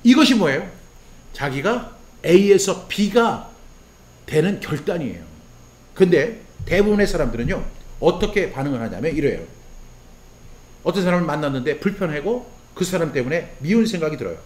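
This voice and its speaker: A man's voice: fairly high pitch, a little fast. A man preaching a sermon as pastor, asking the listeners questions and acting out quoted prayers and complaints. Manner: acts out quoted prayers and grumbling in lively voice; asks the listeners questions and answers them.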